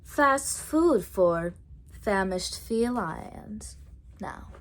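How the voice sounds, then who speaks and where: A woman's voice: medium pitch, lively intonation, very slow. A woman voicing a sly hungry cat. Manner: smooth, sly, savoring. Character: sly hungry cat running a snack shack.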